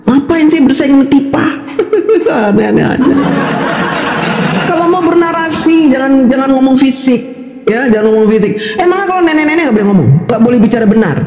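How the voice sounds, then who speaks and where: A woman's voice: high-pitched, expressive, brisk, darkish tone. Indignant older woman, echoey room. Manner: indignant, fires rhetorical questions, laughs mockingly. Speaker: livestream commentator. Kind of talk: casual combative monologue. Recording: echoey room with long reverb.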